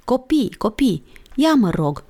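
A woman's voice: a little high, very animated, dark tone, voice pushed up. A woman reading an audiobook, voicing a caring, fussing mother.

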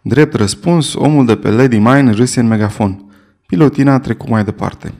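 Male audiobook narrator, steady first-person delivery, mid-range pitch.

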